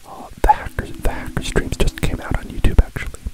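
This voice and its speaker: A man's voice: a little fast, poor audio. A man whispering ASMR into a close mic, repeating phrases over and over with playful, goofy asides. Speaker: ASMR streamer.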